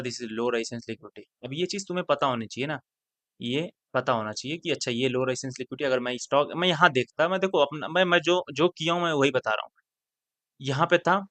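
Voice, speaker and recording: A man teaching trading in a casual, blunt way, repeating phrases and swinging between loud urging and quiet muttering. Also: mid-range voice, dry recording. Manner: blunt, slangy, repeats phrases, drops into mixed English. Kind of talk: casual screen-share trading lesson.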